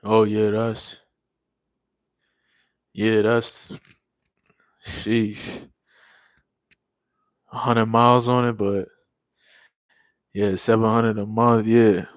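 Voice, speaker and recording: Very slow and pausing often, a young man with a lowish, level voice reads comments during a casual livestream. He's tired and yawning after a long day, talking in a laid-back, slang-filled drawl, with no room sound in the recording.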